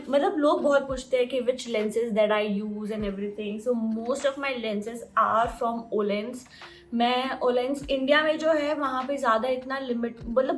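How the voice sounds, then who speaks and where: A young Indian woman with an Indian English accent, chatting excitedly about her beauty haul and switching between Hindi and English. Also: on the high side, low-quality recording. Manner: excited, mixes Hindi and English mid-sentence. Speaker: beauty vlogger.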